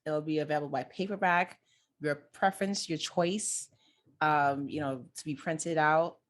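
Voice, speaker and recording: A woman's voice: sits low, fairly even intonation, moderate pace. A woman hosting a casual solo podcast with a New York accent and Caribbean touches, chatting straight to her listeners and often repeating words. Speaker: podcast host. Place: indoors near a busy city street.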